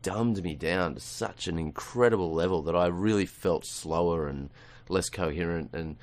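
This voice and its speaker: Deep-voiced man rambling on a radio chat. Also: normal speed, darkish tone, no room sound. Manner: rambling, laughs often, many restarts. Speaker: radio guest. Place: radio studio.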